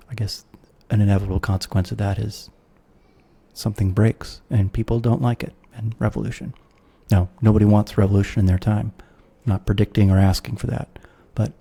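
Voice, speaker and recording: An American guest philosopher works through ideas in a thoughtful, professorial manner during a conversational interview, now and then letting out a wry laugh. His voice is on the low side and dark in tone, with vocal fry and a breathy edge.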